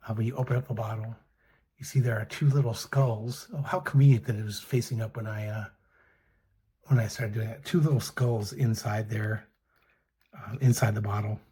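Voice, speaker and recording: A middle-aged man talks through his fountain pens and inks in a relaxed show-and-tell. His voice is mellow and quite raspy. He speaks softly and hesitantly, with plenty of fillers and restarts. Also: medium pitch, moderate pace, pauses often. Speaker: pen and ink reviewer. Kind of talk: casual show-and-tell review.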